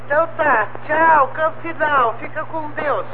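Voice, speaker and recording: Very high-pitched man over CB radio. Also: measured pace. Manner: uses radio protocol, signs off each turn. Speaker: radio operator. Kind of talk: CB radio call. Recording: tinny noisy radio transmission.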